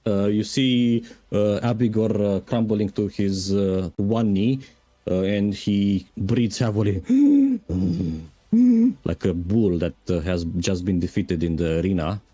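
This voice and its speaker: A man narrating a tabletop game as game master, casual and full of filler pauses. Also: deep voice, steady tone, mellow, dry recording.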